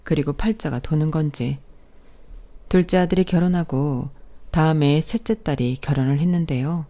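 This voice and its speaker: Mellow, dark-toned woman storyteller. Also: low voice, normal speed. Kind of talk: scripted first-person story narration.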